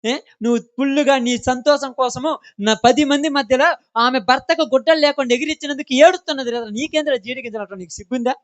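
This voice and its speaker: A man's voice: extremely high pitch, fast, no echo. A man preaching a sermon, scolding the congregation with impassioned rhetorical questions. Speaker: pastor.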